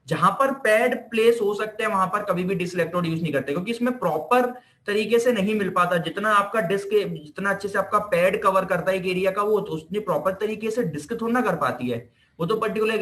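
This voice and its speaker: With a high, fairly bright voice and an Indian accent, this male physiotherapy teacher lectures informally in Hindi mixed with English terminology. He restates points and answers questions he raises himself, and the room's echo is noticeable.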